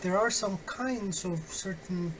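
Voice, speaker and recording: A man walks through a phonetics lesson at an unhurried pace. He pauses often and keeps checking that his listeners follow. A faint hiss of room noise sits under his voice. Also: high voice, fairly bright tone, rough recording. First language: Spanish. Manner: slow, patient, many "uh" fillers and "okay?" checks. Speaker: phonetics teacher. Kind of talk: recorded online lecture.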